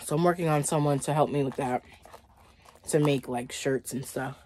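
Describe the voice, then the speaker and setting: Her voice sits low with a darkish tone, moving at a moderate pace over a little hiss or hum. She's a woman in her thirties vlogging a casual mukbang from a small bedroom, chewing while she talks and leaning on "like" as a verbal habit.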